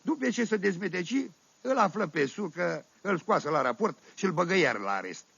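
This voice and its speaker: Un actor care interpretează un sătean oltean de vârstă mijlocie, povestind glumeț și fără șir, cu accent oltenesc, într-o comedie radiofonică. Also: male voice, high-pitched, lively intonation, gravelly, a bit bright, slightly rough, dry recording, full character voice. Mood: amused, rambling. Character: folksy Oltenian village man telling tales. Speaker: storyteller. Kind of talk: 1970s radio comedy monologue. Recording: dull dry 1978 vinyl radio recording.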